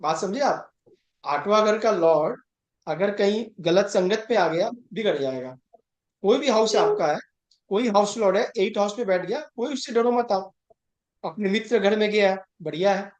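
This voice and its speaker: A man's voice: high voice, normal speed. A man teaching an astrology class in a conversational way, stressing points and often asking if students follow, with English terms mixed in. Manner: emphatic, keeps checking understanding; mixes English terms into Hindi. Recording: roomy echo.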